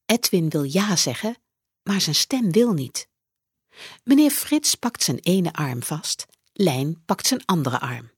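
A woman reading a children's book aloud, slow and clearly paced, her voice rising and falling a lot. Her tone is fairly low and a bit husky, recorded dry and close. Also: very animated, no room sound. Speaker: audiobook narrator. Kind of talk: scripted narration of a children's book.

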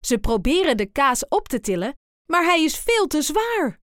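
A woman reading a children's picture book aloud in an expressive, deliberate way. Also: high voice, no echo, clean studio sound. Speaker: storyteller.

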